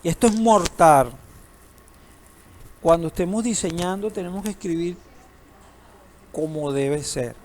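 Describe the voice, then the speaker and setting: High-voiced male teacher lecturing a class. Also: noisy background. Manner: asks the class questions, uses humor. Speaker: database teacher.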